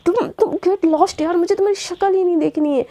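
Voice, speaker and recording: A woman's voice: very high voice, quick pace, warm tone, pitched above the performer's own voice. A woman voicing an angry young college woman, scornful and snapping, in a casual spoken story.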